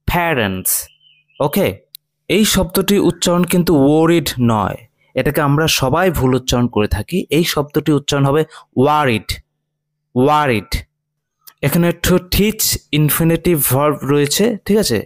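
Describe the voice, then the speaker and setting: A man teaching English line by line in Bengali, reading English slowly and often checking "ঠিক আছে?". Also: on the high side, no room sound. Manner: reads English phrases slowly, then explains in Bengali.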